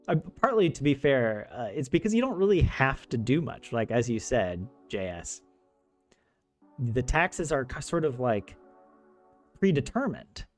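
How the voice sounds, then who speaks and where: Speaking a little slowly with long pauses, an American streamer who teaches Finnish chats about life abroad in a sing-song, medium-pitched voice. He's a young man who jokes and laughs often, stumbling through fillers and restarts. Faint video game music can be heard.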